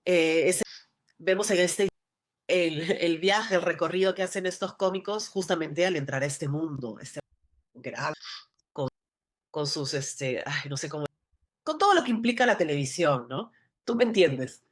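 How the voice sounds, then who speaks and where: Her voice is low and unhurried, with lively intonation. She's an actress from Lima, Peru, chatting casually as an interview guest in Lima Peruvian Spanish, rambling and frequently restarting or using fillers.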